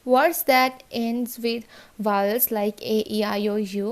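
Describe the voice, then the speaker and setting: Woman teacher, slightly high voice, unhurried, spells out and repeats each example word. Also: steady tone, smooth. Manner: slow, deliberate, repeats and spells out words. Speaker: English pronunciation teacher. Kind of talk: bilingual classroom lesson.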